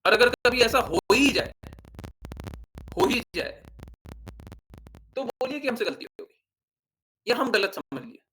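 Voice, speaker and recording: A man's voice: very high voice, lively intonation, slow, pauses often, pushed and bright, slight background noise, rough recording. A man giving a devotional discourse as a spiritual teacher, explaining with everyday examples, asking rhetorical questions and checking in with his listeners.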